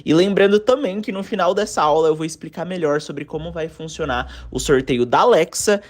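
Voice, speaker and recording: A man from Brazil teaching an online English lesson, speaking directly to the viewer and slowing down to model each word. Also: a little high. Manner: energetic, talks straight to the viewer, models pronunciation slowly.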